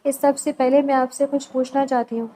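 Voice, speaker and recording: A woman's voice: high voice, level tone, warm tone, slight background noise, natural voice. A woman reading aloud the lines of a wary young wife in a novel, guarded and direct.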